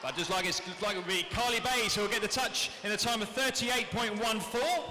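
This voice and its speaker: A man announcing a swimming meet over a PA system, reading lanes, names and times briskly and matter-of-factly, with race commentary. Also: high voice. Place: indoor swimming pool hall. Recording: echoey PA sound in a large hall, with noise.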